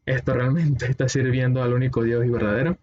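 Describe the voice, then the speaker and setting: A man's voice: mid-range voice, steady tone, fairly quick, a little mellow. A man taking part in a casual Bible study discussion, reflective and hesitant, repeating words as he thinks. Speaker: study group participant. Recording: muffled lo-fi audio with clear background noise.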